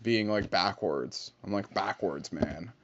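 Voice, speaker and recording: A man co-hosting a podcast from a basement, chatting loosely and cracking jokes, with a fairly low voice. He rambles into tangents and swears casually. The sound is dull and lo-fi. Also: slow. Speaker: podcast co-host. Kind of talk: casual chat. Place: shop basement. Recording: muffled lo-fi podcast audio.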